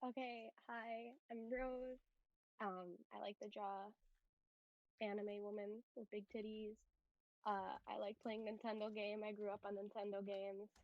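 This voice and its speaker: A woman's voice: mid-range voice, a little mellow. A woman giving a casual, upbeat introduction on a podcast. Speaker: podcast guest. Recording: muffled lo-fi mic.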